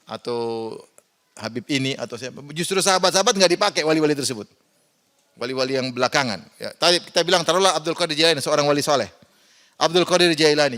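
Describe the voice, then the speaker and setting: A man preaching a Quran exegesis lecture in a mosque. He asks the audience rhetorical questions and swings between loud emphatic rises and quiet asides. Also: on the high side. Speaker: Islamic preacher.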